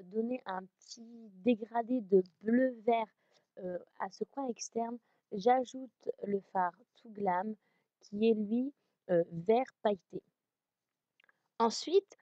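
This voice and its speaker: A woman's voice: on the high side, mellow, dry recording, dull audio. A woman narrating a makeup tutorial in a casual voice-over, chatty with many hesitations.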